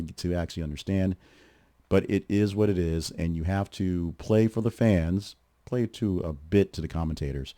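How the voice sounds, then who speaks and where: A man's voice: low-pitched, dark tone, dry recording. A man hosting a show, talking through sports news in a chatty, conversational way with the odd restart. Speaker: podcast host. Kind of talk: casual sports commentary.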